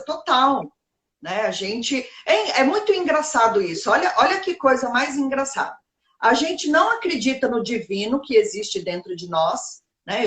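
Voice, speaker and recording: Woman, live talk host, reflective, rhetorical questions, slightly high voice, roomy echo. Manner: reflective, poses rhetorical questions and answers them.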